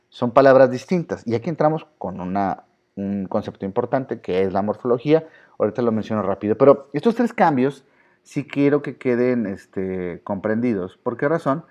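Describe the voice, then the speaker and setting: A male teacher, explaining a lesson and often pausing with fillers and restarts. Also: mid-range voice, darkish tone. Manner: explanatory, with frequent "este" fillers and self-corrections. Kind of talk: recorded online lesson. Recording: slightly dull lo-fi audio.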